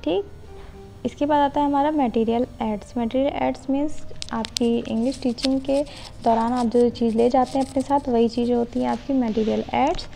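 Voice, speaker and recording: Brief: young Indian-accented woman, tutor voice, slightly high with some fry, faint hiss behind. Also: fairly even intonation, warm tone, soft background music, poor audio. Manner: mixes Hindi and English, reads English lines slowly. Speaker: teacher-training tutor. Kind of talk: explaining a lesson plan step by step.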